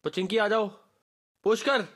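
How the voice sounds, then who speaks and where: Excited and urgent, a man with a high-pitched voice plays a cocky street-smart gamer recording squad callouts for a game's voice pack. His delivery is a little slow, yet slangy, lively and domineering.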